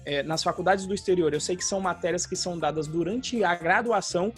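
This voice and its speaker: A man's voice: high-pitched, brisk, soft background music. A man from Brazil co-hosting a podcast, explaining things like a teacher and often tagging his sentences with little check-in questions. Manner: explanatory, frequent "tá?" tag questions. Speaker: podcast co-host, programming teacher. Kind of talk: casual podcast chat.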